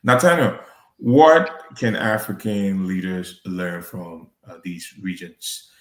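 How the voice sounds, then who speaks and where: A man hosting a discussion podcast, framing his questions haltingly, with many pauses and restarts. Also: sits low. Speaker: podcast host. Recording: echoey room.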